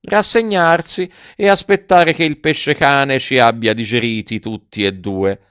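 A weary, philosophical tuna speaks in a cracked, twangy voice, raised high and calmly resigned, as a man acts it out. The audiobook recording is dull and dry. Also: measured pace, clear, resonant tone, dry recording, natural voice. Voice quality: cracked, twangy like an out-of-tune guitar. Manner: calm, resigned and wry.

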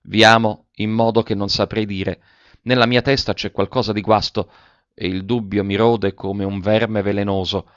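A man's voice: fairly low pitch, flat delivery, moderate pace, fairly bright tone, no echo, muffled recording, natural voice. A man voicing an anxious young lover in a read-aloud novel, pleading urgently with a trembling voice.

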